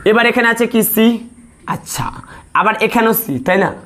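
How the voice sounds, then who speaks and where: A man's voice: high voice, moderate pace, fairly bright tone. A male math teacher leading a classroom lesson, asking questions and repeating the answers step by step. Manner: repetitive call-and-response questioning.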